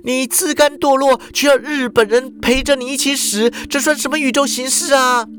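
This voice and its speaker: A man doing a shrill, fiery young woman. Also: steady tone, a little fast. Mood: furious scolding. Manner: shrill, shouting, nagging.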